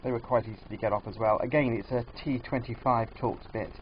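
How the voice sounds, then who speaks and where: An older man with a thick, sore, swollen-sounding throat, narrating a casual DIY vlog in a hesitant, unhurried way. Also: mid-range voice, fairly even intonation. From England. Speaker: DIY van converter presenting. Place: in and around a van. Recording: dull muffled sound, background vehicle noise.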